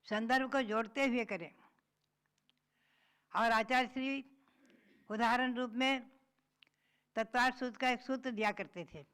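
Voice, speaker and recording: A woman's voice: a little high, fairly even intonation, measured pace, long pauses, a bit bright, clean tone. A woman, a Jain nun, giving a patient religious discourse, reciting verses and then explaining them.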